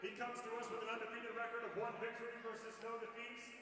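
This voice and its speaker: A man working as a ring announcer, calling out fighters' records and names with long, booming introductions. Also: monotone, quick pace, pushed and bright. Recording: echoey hall, distant from the mic.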